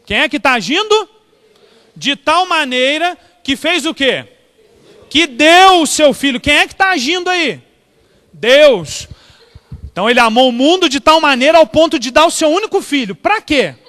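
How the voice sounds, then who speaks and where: A Brazilian pastor preaches in a strikingly high, bright voice. He tells his story animatedly and keeps asking the congregation questions. His voice rings with the long reverb of a church hall. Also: normal speed. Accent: Brazilian Portuguese. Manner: animated, acts out dialogue, asks the congregation questions. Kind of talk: storytelling sermon.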